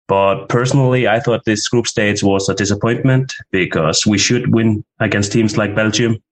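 A man's voice: lowish voice, fairly even intonation, normal speed, rough recording. A man from Iceland, a sports commentator, chatting frankly and a bit hesitantly as a podcast guest. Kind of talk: casual podcast chat.

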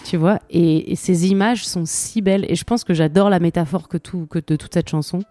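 This podcast co-host, a native French speaker, casually and eagerly discusses song lyrics, hesitating many times along the way. Her fairly low, dark voice holds a steady tone at normal speed, with no room sound.

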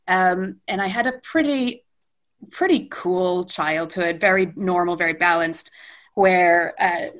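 Speaking off the cuff as a guest, a middle-aged Western Canadian woman talks slowly in a fairly low, fairly bright voice. Her answers wander thoughtfully. She frequently corrects herself mid-thought.

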